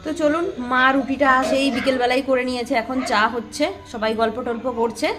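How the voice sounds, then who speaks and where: A woman's voice: sits high, fairly even intonation, brisk, music in the background. A woman with a West Bengal Bengali accent, chatting homely to viewers while filming her family home on a handheld phone. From West Bengal, India. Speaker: family vlogger. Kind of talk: casual vlog narration. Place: family home, indoors and on a rooftop.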